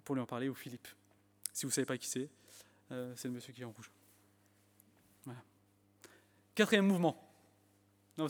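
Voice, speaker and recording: A man preaching a sermon in French with an English accent, emphatic at times and restarting his phrases with fillers. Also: a little high. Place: church hall. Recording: long church hall reverb.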